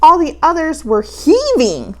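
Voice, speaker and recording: A woman reading a children's story as a campy horror host, with dramatic, playfully spooky, drawn-out delivery. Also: high-pitched, wildly swooping pitch, darkish tone.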